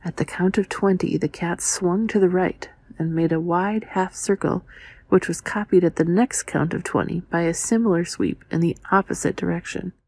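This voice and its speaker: A woman reads a story quietly under her breath, often slipping into a near whisper. Her voice is lowish and breathy with a creaky edge, recorded very dry and close for ASMR. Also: moderate pace, no echo. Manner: reading under breath, hushed, half-whispered. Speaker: audiobook reader. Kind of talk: ASMR quiet reading of a novel.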